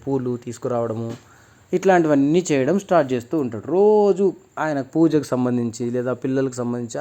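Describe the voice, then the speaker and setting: A man with a fairly high-pitched, dark-toned voice tells a children's moral story informally. He explains as he goes in a conversational way and mixes in many English words.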